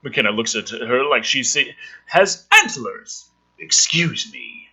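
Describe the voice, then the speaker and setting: Recorded in low quality, a man with a husky, medium-pitched voice speaks slowly and expressively, bright and forceful in tone. Being somewhat ill, his throat is a little sick. He's the host reading a film script aloud, heaping sweary, sarcastic, exasperated mockery on it through ranting, joking commentary.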